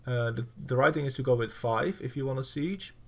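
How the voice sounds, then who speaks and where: Brief: male coach, gravelly voice, middle pitch, blunt and profane while reviewing gameplay, plenty of fillers. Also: fairly quick, a bit bright. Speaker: game coach.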